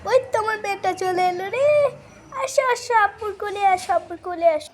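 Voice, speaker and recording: A girl voicing a tired, easygoing father in a doll-play skit, speaking calmly to smooth things over. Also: extremely high pitch, fairly quick.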